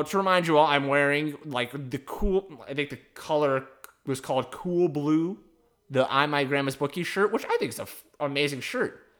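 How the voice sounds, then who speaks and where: A man's voice: fairly high pitch, fairly bright tone. A young man hosting a podcast, telling a story in a rambling, wry, profane way. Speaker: podcast host. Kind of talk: casual storytelling.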